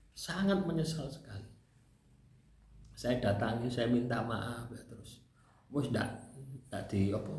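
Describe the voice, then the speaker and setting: In an echoey room, a Javanese-accented man with a mellow, medium-pitched voice talks casually about things he has lived through. He habitually caps his sentences with small tags such as "gitu loh, ya," keeping it conversational.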